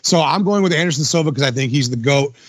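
A man's voice: a little high, fast talker, slightly rough, no echo, clean studio sound. A man hosting a podcast in casual chat, enthusiastic and full of slang like dude and bro. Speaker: podcast host.

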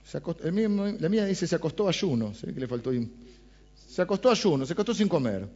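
A man's voice: fairly high pitch, very animated, fast, warm tone, muffled recording, soft background music. A man with an Argentine accent preaching a conversational sermon on a Bible passage, casual and chatty, often asking his listeners questions. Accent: Argentine Spanish.

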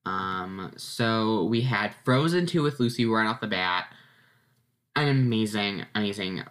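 This teen podcast host talks through a relaxed solo recap in a fairly low, somewhat bright voice, taking his time with lively intonation. He's cheerful and casual, dropping lots of ums and small laughs, and he sounds slightly stuffed up and sniffly.

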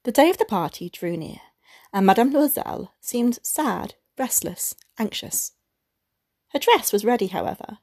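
A woman storyteller reading a classic tale in measured, expressive scripted narration. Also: a little high, no echo, studio quality.

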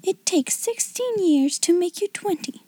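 A woman reading a story, voicing a small motherly schoolgirl who speaks sternly and deliberately. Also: very high voice, expressive, mellow, no room sound, pitched above the performer's own voice. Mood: severe. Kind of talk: audiobook character reading.

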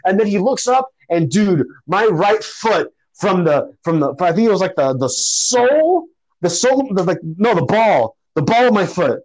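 A young man telling a story in a casual podcast chat, animated and slangy, calling people bro and dude. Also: high-pitched, moderate pace, rough recording.

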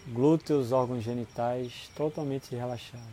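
A Brazilian man with a Brazilian Portuguese accent leads a guided body-scan relaxation in a dark, mellow, medium-pitched voice with fairly even intonation. He speaks soothingly and without hurry, in short phrases separated by long pauses, over a light bed of insect and nature sounds.

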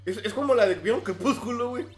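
A man's voice: extremely high pitch, quick pace, faint music behind. A young man with a Mexican accent animatedly retelling films in casual chat, swearing freely.

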